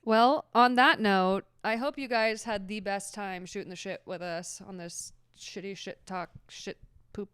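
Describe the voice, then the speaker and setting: A woman's voice: medium pitch, fairly even intonation, moderate pace, clear, resonant tone, no echo. A young adult woman hosting a casual podcast chat, rambling, giggling often and swearing freely. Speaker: podcast host.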